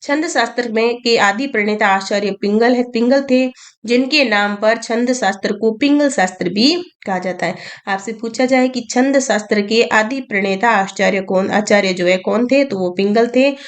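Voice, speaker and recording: Slowly walking her students through grammar, a woman asks her own questions and answers them, returning again and again to the key terms. Her voice runs somewhat high.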